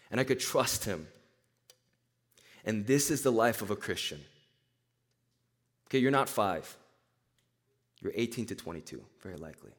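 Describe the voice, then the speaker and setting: A young man from Tennessee giving a casual sermon to students, telling stories in an animated, chatty way with asides. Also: mid-range voice. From born in Korea, raised in Nashville, Tennessee. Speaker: campus speaker.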